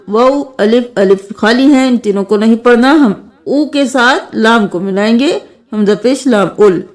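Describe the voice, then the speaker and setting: A woman teaching Quran recitation, chanting verses melodically and explaining the rules. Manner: slow melodic recitation alternating with quick lower explanations. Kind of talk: tajweed lesson, slow recitation with explanations.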